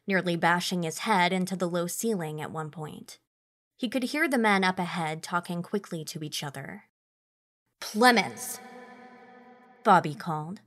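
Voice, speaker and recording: A woman reading a scripted horror story as narrator, in a measured, dramatic way. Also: fairly low pitch. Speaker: narrator and producer.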